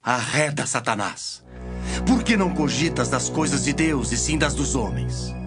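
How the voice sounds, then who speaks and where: A man playing Jesus as a grave, deliberate teacher in a dramatized audio Bible. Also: medium pitch, animated, close to an everyday voice. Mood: stern rebuke. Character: Jesus, solemn adult male teacher, grave and reproving. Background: music.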